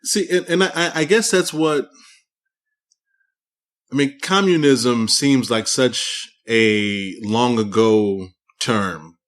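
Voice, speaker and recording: A male podcast host with a mid-pitched voice speaks in a casual way. He stammers and repeats words as he works toward his questions. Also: slow, a bit bright. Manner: stammering, repeats words while thinking aloud. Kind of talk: casual interview conversation.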